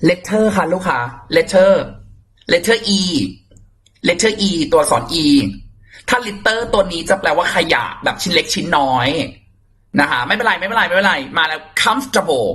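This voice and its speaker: A man's voice: high voice, unhurried, bright, forceful tone. Guy tutoring exam vocab, chatty and playful, spells words out and says them over and over. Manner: playful, chatty, calls students "child". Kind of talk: casual online lesson.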